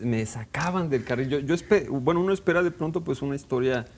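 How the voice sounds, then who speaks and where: A man talking in a casual literary discussion, halting and hesitant, with many fillers and restarts. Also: medium pitch, a little hiss or hum. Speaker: book discussion panelist.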